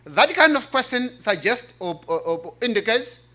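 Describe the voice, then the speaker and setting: With a sharp, high-pitched, sing-song voice at normal speed, a man with an African accent reads a paper at a church health forum. He preaches more than lectures, earnest and emphatic, returning again and again to his key phrases.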